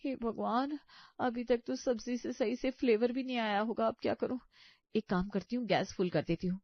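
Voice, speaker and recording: A woman's voice: on the high side, moderate pace, no room sound, voice pushed up. Woman doing a flustered, boastful young bride. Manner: hasty, flustered, dismissive. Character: careless boastful young daughter-in-law. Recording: dull lo-fi sound.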